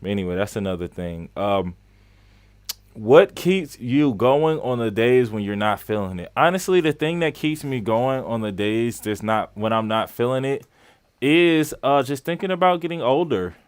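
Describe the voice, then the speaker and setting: A man's voice: mid-range voice, expressive, moderate pace, smooth, no room sound. Chatty young man hosting a live stream. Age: 20s. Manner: chatty, repeats phrases for emphasis; greets viewers by name mid-flow. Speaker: skate coach and live-stream host.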